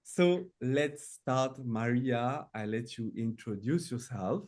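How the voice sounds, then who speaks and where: A male host with a French accent runs a live-streamed interview in eager, loosely phrased English. His voice sits at an ordinary mid pitch. He sounds keen and talkative throughout. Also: takes it slowly, darkish tone. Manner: enthusiastic, loose second-language English.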